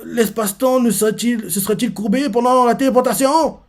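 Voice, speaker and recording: A man voicing a flustered old male genius scientist, with a high, shrill voice while reading out a manga chapter. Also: steady tone, fairly quick. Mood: frantic. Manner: crying out for help, flustered.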